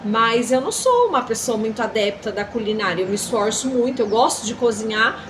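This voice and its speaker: Earnest Brazilian woman, fairly high voice. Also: animated, a little fast, noisy background. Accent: Brazilian Portuguese. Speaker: mentor. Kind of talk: casual faith-based chat.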